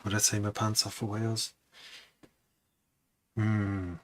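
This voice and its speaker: A man's voice: on the low side, flat delivery, slow, a bit bright, low-quality recording. A man who produces music, chatting casually on a live stream, rambling and hesitant with many restarts.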